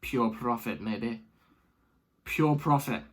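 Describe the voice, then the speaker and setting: A man giving casual, animated opinion commentary as the host of a football fan channel, rambling and repeating himself for emphasis. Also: mid-range voice, takes it slowly.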